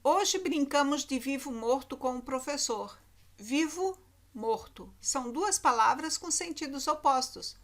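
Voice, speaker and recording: A woman's voice: sits high, expressive, measured pace, a bit bright. A Brazilian woman teacher giving a recorded lesson to children, repeating key words with emphatic intonation. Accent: Brazilian Portuguese.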